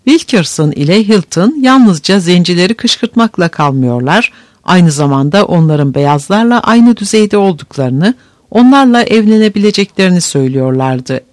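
High, lively male audiobook narrator. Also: normal speed, no room sound, studio quality.

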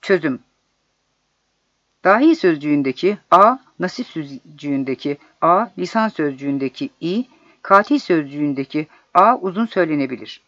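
An exam prep narrator with a high male voice reads questions and their solutions in a measured, deliberate way. His tone is expressive, bright and forceful. The dull, lo-fi recording is very dry, with no room sound.

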